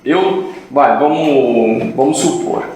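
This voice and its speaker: A man's voice: medium pitch, expressive, slow pace, a little mellow, far from the mic. A man with a Brazilian Portuguese accent hosting a casual podcast chat, teasing and joking in slang. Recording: very echoey room, faint noise.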